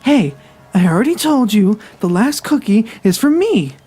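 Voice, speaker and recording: A man voicing a hostile young woman in a horror story, curt and shouting. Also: sits high, big pitch swings, normal speed, slightly rough, soft background music, pitched above the performer's own voice, full character voice.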